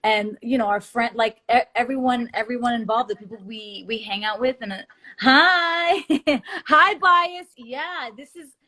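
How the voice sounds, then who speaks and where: A woman joins a casual video chat as a guest, her fairly high voice coming through the call. She speaks haltingly, restarting often and using lots of fillers.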